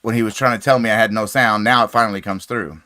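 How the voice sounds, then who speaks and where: A man with a lowish voice hosts a casual crochet livestream from home, talking fast into a desk microphone in a steady tone. The sound is clean studio quality with no room sound, and he's chatty, greeting viewers warmly by name and laughing often.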